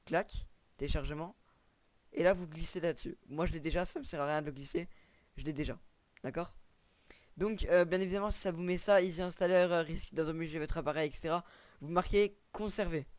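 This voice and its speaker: A man's voice: a little high, a little fast, no echo. A young man walking viewers through a computer setup in a casual, hesitant tutorial style, with frequent fillers. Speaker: tutorial creator. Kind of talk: screen-recorded gaming tutorial.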